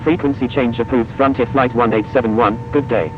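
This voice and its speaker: A man speaks in the clipped, procedural manner of a pilot on a cockpit headset. His medium-pitched voice comes through a dull radio filter, with loud rumbling noise around it. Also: steady tone, fairly quick. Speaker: pilot reading back tower clearances. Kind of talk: aviation radio phraseology.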